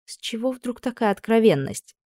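A woman's voice: on the high side, animated, normal speed, dark tone, no room sound, studio quality, pitched above the performer's own voice, lightly acted. A woman voicing a young noble lady who gives tired, stern commands in an audiobook. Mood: reproachful.

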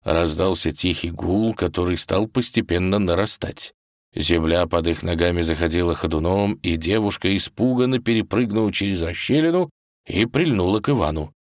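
A man narrating a fairy tale in an expressive, dramatic storytelling manner. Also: sits low, moderate pace, dry recording, clean studio sound.

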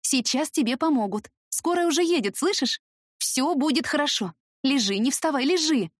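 A woman's voice: sits high, animated, normal speed, no echo, clean studio sound, voice pushed up. Woman reading as a blunt fretful nurse. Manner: outspoken, fretful. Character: blunt middle-aged female children's home nurse.

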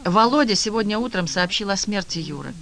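A man's voice: sits high, animated, a little fast, creaky, voice pushed up, full character voice. A man reading a broken grieving mother. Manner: quiet, plaintive. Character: grieving broken young mother, timid and hushed.

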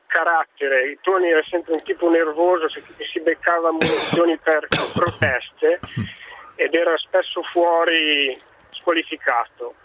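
A man calling in to a radio show over a phone line, speaking in a halting way with many fillers and restarts. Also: on the high side. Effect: phone-line call into a radio show. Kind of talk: casual chat.

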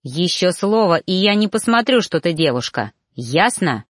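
A brash male mentor, put on by a woman reader, snapping out short, growling lines in a lowered voice. The sound is dry and close. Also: sing-song, normal speed, dry recording. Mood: harsh. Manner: growling, curt.

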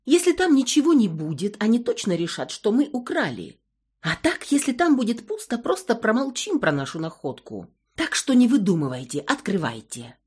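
A woman voicing a stubborn, excitable young woman in an audiobook. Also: a little high, normal speed, slightly rough, voice pushed up. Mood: insistent. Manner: insistent, eager.

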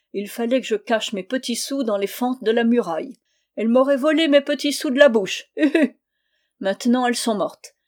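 Woman doing a hoarse old fisherman. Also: on the high side, a little mellow, lightly acted. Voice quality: hoarse, bellowing. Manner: chuckles "hu, hu" between boasts.

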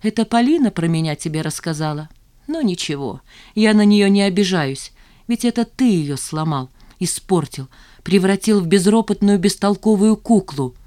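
Woman doing a reckless taunting young woman, loud and raised; audiobook. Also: mid-range voice, expressive, normal speed, natural voice. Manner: scornful, taunting, shouting.

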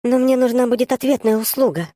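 Squeaky squirrel empress Belitrisa, voiced by a man. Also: fast, mellow, dry recording, studio quality. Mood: haughty. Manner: squeaky, imperious. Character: pompous fluffy squirrel empress, small, female. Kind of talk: audiobook character voice.

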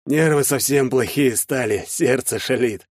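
A male audiobook narrator voicing an ailing older man with a failing heart, hoarse, strained and halting. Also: mid-range voice, no echo, clean studio sound, voice pushed up, lightly acted. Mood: strained, pained. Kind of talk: audiobook character voice.

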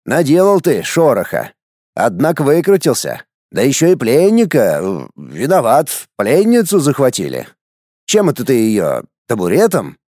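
A man's voice: mid-range voice, huge pitch swings, a little slow, darkish tone, no room sound, studio quality. A man playing an older army general, hearty, teasing and fatherly toward his officer. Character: gruff, fatherly, mocking male general.

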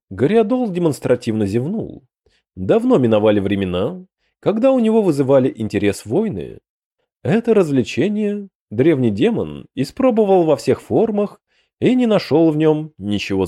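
A man narrating an audiobook in an expressive, dramatic reading style. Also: a little high, normal speed. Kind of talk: scripted narration.

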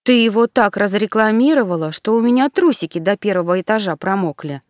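A woman's voice: medium pitch, lively intonation, brisk, no echo, studio quality, natural voice. A woman reading a brash, bawdy young woman. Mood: eager, bawdy. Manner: outspoken, bawdy, eager. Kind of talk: audiobook character voice.

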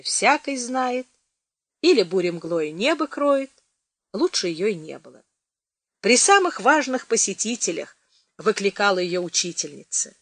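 Woman narrator for an audiobook, animated folksy telling, dry close sound. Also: mid-range voice, no room sound. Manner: lively folksy storytelling.

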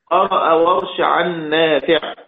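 This Quran recitation teacher speaks unhurriedly in a fairly high, gravelly voice with fairly even intonation. During his religious lesson he asks questions and then answers them, restating every point to stress it, over an echoey, phone-like recording.

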